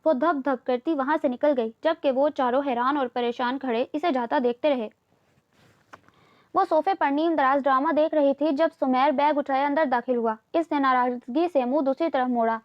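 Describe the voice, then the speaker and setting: A woman narrating an audio novel in a steady storytelling delivery. Her voice sits high. The recording sounds dull and lo-fi. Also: moderate pace.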